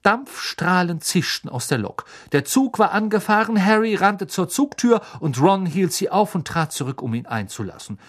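A man narrating a children's fantasy audiobook in a lively, expressive storytelling manner. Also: high-pitched, moderate pace, few pauses.

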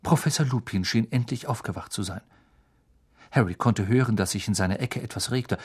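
Lively husky-voiced male narrator. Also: mid-range voice. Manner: lively, dramatic reading. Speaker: audiobook narrator. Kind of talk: scripted narration.

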